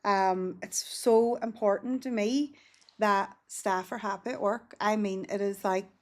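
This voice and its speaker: A woman's voice: medium pitch, fairly even intonation, a little slow. A woman, a business founder talking frankly in a casual interview. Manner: frank and earnest, with frequent 'um' and restarts. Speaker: business founder, podcast guest.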